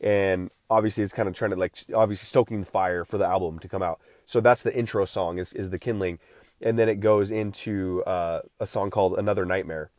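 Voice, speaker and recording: Rambling man in his thirties, low voice. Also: fairly even intonation, brisk, a little mellow, no room sound, studio quality. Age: 30s. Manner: rambling, with many restarts and filler words. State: recovering from feeling unwell. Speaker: podcast host. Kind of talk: casual solo podcast monologue.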